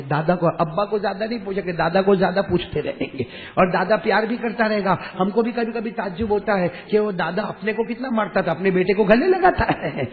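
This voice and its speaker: A male preacher telling a story in a sermon, dramatic and drawn out, rising to loud peaks. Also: high-pitched. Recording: tinny phone-like sound.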